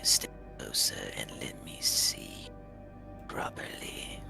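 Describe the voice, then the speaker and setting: A man voicing a menacing female creature in a tabletop game, in the slow, breathy, whispery rasp of an old hag. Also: over music, close to an everyday voice. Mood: hushed menace. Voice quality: raspy, whispery. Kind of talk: tabletop role-play.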